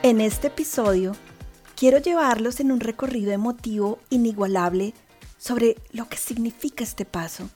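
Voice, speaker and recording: A woman hosting a podcast, talking to her listeners in an emphatic, dramatic way. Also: medium pitch. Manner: warm, emphatic, dramatic delivery. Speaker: podcast host. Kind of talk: podcast monologue. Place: abroad in the United Kingdom.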